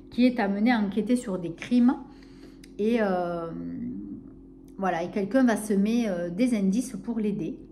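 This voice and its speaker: A woman's voice: mid-range voice, a little hiss or hum. A woman from Narbonne with a southern French accent, chatting casually and rambling a little in a book vlog. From Narbonne, southern France. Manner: chatty, rambling, warm enthusiasm. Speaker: book vlogger.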